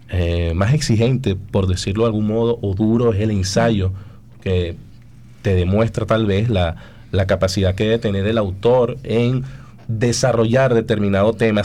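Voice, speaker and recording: Low-voiced male radio host. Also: a little mellow, a little hiss or hum. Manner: conversational, with hesitant restarts. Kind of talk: radio arts interview.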